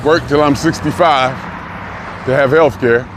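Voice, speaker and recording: A man in his early sixties musing aloud in a reflective vlog, thinking in halting stretches with pauses and restarts while he walks outside. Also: medium pitch, fairly even intonation. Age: 60s. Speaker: vlogger. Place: outdoors on a city street, walking. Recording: outdoor traffic noise. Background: passing cars and street noise.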